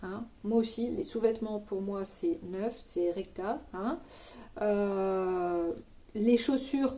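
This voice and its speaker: A woman talking straight to her viewers in a loose, chatty vlog, her voice pitched a little high. Her tone is mellow and soft-edged, and she drops slangy asides and teasing jokes as she goes. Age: adult with children. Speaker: vlogger sharing money-saving tips. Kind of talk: casual chat to camera.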